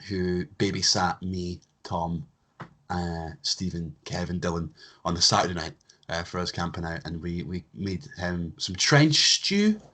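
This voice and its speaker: A man's voice: sits low, animated, measured pace, bright, forceful tone. A young man hosting a casual podcast chat, joking and swearing freely. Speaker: podcast host.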